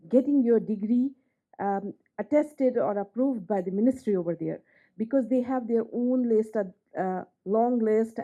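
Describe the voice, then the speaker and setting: A woman's voice: mid-range voice, mellow. Hesitant woman from Pakistan, unscripted graduate speech, muffled ceremony audio. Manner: hesitant, many fillers and restarts. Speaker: graduate giving a testimonial.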